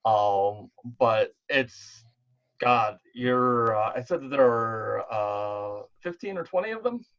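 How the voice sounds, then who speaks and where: A man running a tabletop game over an online call, narrating slowly in a laid-back, thinking-aloud way. His voice sits at an ordinary middle pitch. It comes through muffled, lo-fi call audio. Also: animated, fairly bright tone. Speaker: game master.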